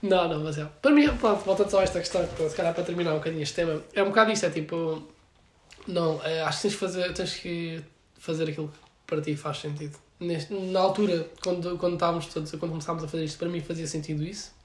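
Young male, European Portuguese accent, rapid casual talker, slangy and filler-heavy, roomy sound. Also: on the high side, steady tone. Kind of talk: casual chat.

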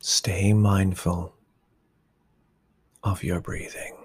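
Male meditation guide, very breathy and husky, low flat delivery, half-whispered. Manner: slow, soft, often whispered instructions.

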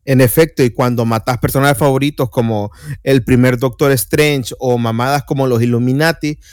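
A man's voice: mid-range voice, steady tone, normal speed, a little mellow, no echo, studio quality. A man co-hosting a podcast, casually discussing a film and laying out his arguments at length. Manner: explanatory, argues his points at length. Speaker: podcast co-host.

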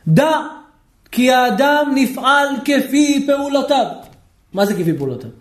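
A high-pitched man teaches a rabbi's lesson with animated energy. He keeps putting questions to his listeners. The voice rings in an echoey room. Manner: animated, asks the audience questions, acts out shouting people. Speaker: rabbi giving a Torah lesson. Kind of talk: lively sermon-style lesson with questions to listeners.

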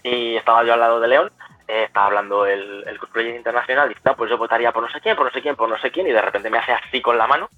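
A man's voice: medium pitch, fairly even intonation, quick pace, dry recording, narrow, tinny audio, soft background music. A young man, telling stories as a guest in a casual chat, with frequent restarts and self-corrections. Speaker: guest cosplayer. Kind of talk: casual storytelling.

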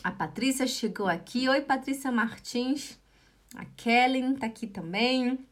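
Encouraging Brazilian woman teaching German. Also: fairly high pitch. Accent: Brazilian Portuguese. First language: Portuguese. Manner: slow, exaggerated pronunciation drills; encouraging, repeats herself often. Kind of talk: live online language lesson.

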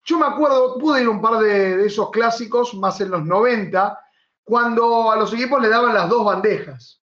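A man with an Argentine accent and a high voice co-hosts football talk, laying out history and statistics. The sound is dull and bounces around the room. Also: normal speed, fairly bright tone. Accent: Argentine Spanish. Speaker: football show co-host. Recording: muffled, echoey room sound.

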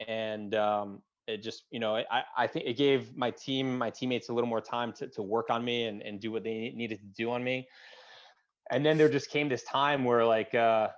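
A man in his thirties, a veteran guest in an interview, telling his story in a halting way with many fillers and restarts, his voice dropping low at emotional points. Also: fairly even intonation. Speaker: guest, combat-wounded veteran. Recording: dull, lo-fi sound.

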